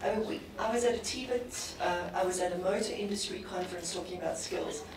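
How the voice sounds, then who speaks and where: A woman with a South African English accent speaking directly and briskly on a conference panel. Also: fairly low pitch, music in the background. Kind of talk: panel discussion. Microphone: handheld mic. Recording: very echoey hall, distant, background noise.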